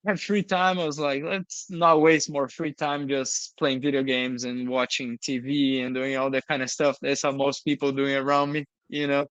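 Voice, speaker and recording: A man's voice: mid-range voice, level tone, normal speed, hardly any pauses, a bit bright, clean tone, no room sound, poor audio. A young man from Brazil, a guest telling his story in casual, earnest talk over a video call. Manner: earnest, frequent "you know".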